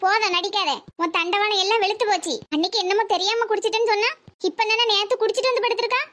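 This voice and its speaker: A woman voicing a stern, sharp-tongued middle-aged village mother in a cartoon drama. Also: extremely high pitch, steady tone. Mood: scolding. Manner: scolding, rapid-fire rebukes.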